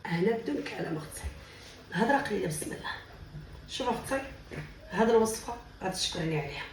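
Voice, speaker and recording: A woman's voice: medium pitch, animated, fast, heavy background noise. A woman demonstrating a recipe in her home kitchen, chatty and affectionate, calling her viewers sisters as she cooks. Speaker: cooking vlogger. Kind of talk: cooking demonstration vlog. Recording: echoey room, mic at a distance.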